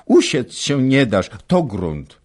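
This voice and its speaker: A man voicing an eager, teasing young noblewoman in an audiobook, speaking in a raised, quick, excited way. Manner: high quick excited chatter.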